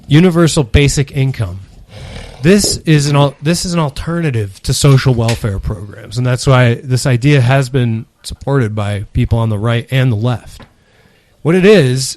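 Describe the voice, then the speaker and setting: A man's voice: mid-range voice, darkish tone, no echo. A man co-hosting a podcast, casually explaining an idea at length with easy laughs. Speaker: podcast co-host. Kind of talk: casual chat.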